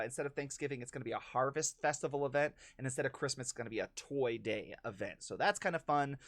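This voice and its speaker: A man's voice: mid-range voice, dry recording, clean studio sound. A man hosting a casual gaming news update, chatty and opinionated, with conversational asides.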